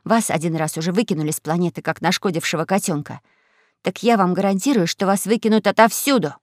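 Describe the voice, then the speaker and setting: A woman voicing a bold, self-assured young girl who speaks calmly and firmly, in an audiobook. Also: fairly low pitch, quick pace, no room sound, clean studio sound, lightly acted. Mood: defiant.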